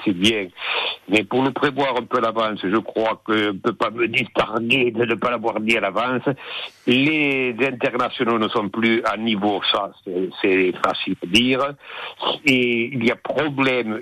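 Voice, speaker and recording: A man's voice: lowish voice, a bit bright, dry recording, poor audio. A man calling in to a radio show over the phone, insisting on his opinion and repeating his warnings.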